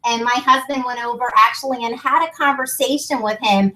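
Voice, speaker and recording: On a conference call, a woman acting as host and product presenter gives an enthusiastic, informal sales pitch built around testimonials. Her voice is on the high side with fairly even intonation, and her delivery is brisk, bright and forceful. The recording is rough.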